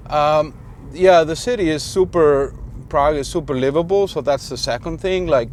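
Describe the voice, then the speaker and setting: A man's voice: a little high, normal speed, a little hiss or hum. A man from Iceland talking casually in a vlog, rambling with many fillers and restarts, sitting in a car. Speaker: vlogger.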